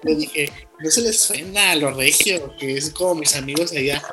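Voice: medium pitch, normal speed, bright, forceful tone, soft background music. A podcast host from León, Guanajuato, with that region's accent, chatting in a friendly, rambling way with a guest. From León, Guanajuato, Mexico. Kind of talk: casual interview chat.

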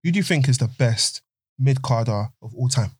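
A man's voice: mid-range voice, lively intonation, normal speed, darkish tone, husky. A man with an urban London roadman accent and street slang, chatting casually as a podcast host in a group. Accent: London, urban roadman-style slang.

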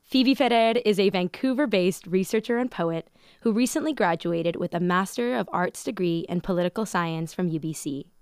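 A woman hosts a podcast and reads her introductions in a deliberate, scripted way. Her voice is smooth and resonant. It sits dry and close, with no room sound. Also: on the low side, a little mellow, no room sound. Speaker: podcast host.

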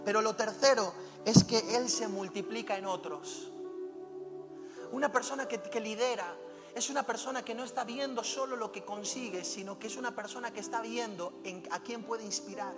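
A man's voice: sits high, normal speed. A man preaching a fervent, exhorting sermon and weaving in personal anecdotes, heard in a reverberant hall with music playing. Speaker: pastor.

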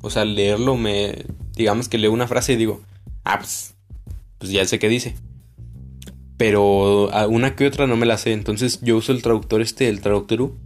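A man's voice: fairly low pitch, steady tone, a little fast, few pauses, a little mellow, soft background music. A young man from northern Mexico with a Juárez accent, hosting a casual solo podcast in a loose, rambling, slangy way full of fillers. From Ciudad Juárez, northern Mexico. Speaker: podcast host.

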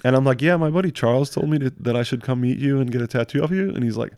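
A man's voice: medium pitch, very fast, mellow, no room sound, studio quality. A young man telling stories in a casual chat, rambling and slangy, packing every sentence with fillers and swearing. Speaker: guest telling tattoo stories.

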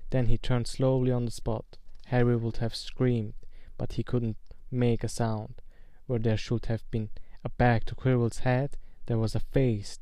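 A man reading a fantasy novel aloud in a slow, measured, dramatic way. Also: mid-range voice, warm tone, no room sound. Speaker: narrator.

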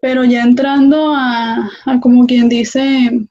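High-voiced chatty woman. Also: takes it slowly. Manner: chatty, animated storyteller. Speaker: host. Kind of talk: conversational interview. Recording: dull lo-fi sound.

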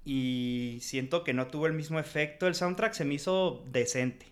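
A man co-hosting a podcast speaks at a normal speed in a voice on the high side, with a Mexican Spanish accent. He gives a frank, slangy film review in casual chat and laughs often.

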